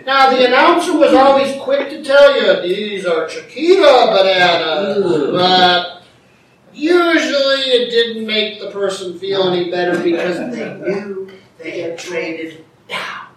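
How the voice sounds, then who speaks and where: A middle-aged man preaching a sermon as pastor, telling stories animatedly and shouting out quoted lines. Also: high voice, expressive, measured pace, a little hiss or hum. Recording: roomy echo, distant mic, faint ambience.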